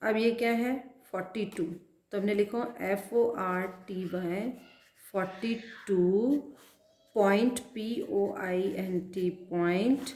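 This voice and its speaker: Slow, patient maths teacher, woman. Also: mid-range voice, steady tone, a little mellow, echoey room. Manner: slow and patient, counting aloud and asking pupils questions. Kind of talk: classroom math lesson, writing as she explains.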